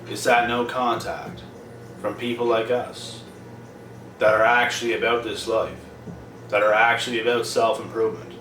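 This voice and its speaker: A young man talks bluntly to the camera, swearing freely and hammering his points home by repeating them. His voice sits low. It reaches the mic from a distance in a roomy space with clear background noise. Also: bright, forceful tone. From Prince Edward Island, Canada. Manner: blunt, profane, emphatic repetition. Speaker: vlogger. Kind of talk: casual monologue to camera.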